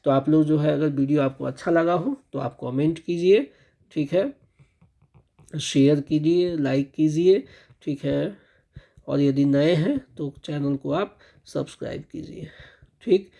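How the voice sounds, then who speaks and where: A man explaining a grammar lesson in a very dark, mellow voice. He keeps checking that his students follow, repeating the same little check-in phrase. He slows right down to drill example words one at a time. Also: on the high side, gravelly, poor audio. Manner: keeps checking understanding with repeated "theek hai" and "spasht ho gaya". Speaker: English teacher.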